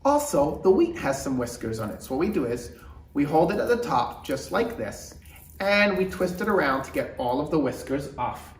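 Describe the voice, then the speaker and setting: Animated man hosting for children, roomy sound. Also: on the high side. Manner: exaggerated, sing-song emphasis with drawn-out words. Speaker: children's show host and rabbi. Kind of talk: animated instructional presentation for children. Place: indoor room with mock bakery set. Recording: roomy indoor echo.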